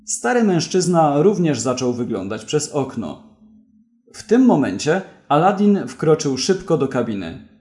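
A man's voice: fairly high pitch, very animated, measured pace, darkish tone. A man reading an action story aloud as narrator in an evenly paced way. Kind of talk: scripted audiobook narration.

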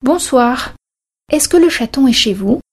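A woman voicing a kind adult male neighbour in a storybook reading, in her own slightly breathy voice. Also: high voice, animated, a little slow, darkish tone, full character voice. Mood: friendly. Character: kind grown man, a gentle neighbour.

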